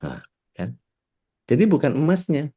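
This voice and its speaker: A man's voice: on the high side, measured pace, slightly rough. A man, an Islamic preacher, talking casually and animatedly, acting out little scenes and mixing in English words. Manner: animated, acts out little scenes while explaining. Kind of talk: casual religious discussion.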